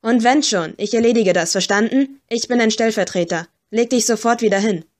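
A woman's voice: fairly high pitch, brisk, natural voice. A woman voicing a bossy, self-important young male agent in an audiobook reading. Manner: bossy, weighty.

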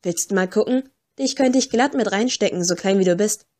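A woman's voice: medium pitch, a little fast, a little mellow, lightly acted. Flo Bones, brash cheeky scavenger played by a woman. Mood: sly murmur. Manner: brash, crude, teasing. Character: scruffy cheeky young female river scavenger.

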